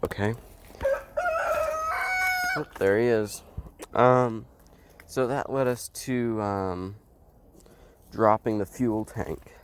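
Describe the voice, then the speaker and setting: A young man explaining his truck repair in a casual vlog, halting and full of ums, filming outdoors on a phone. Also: lowish voice, steady tone, slight background noise. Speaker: homesteading vlogger. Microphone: phone held while filming.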